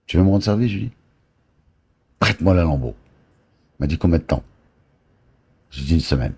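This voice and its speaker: A man telling boastful, crude stories in rough street slang, close to the mic indoors. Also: deep voice, expressive, fairly quick, a little mellow. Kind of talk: casual storytelling on a live stream.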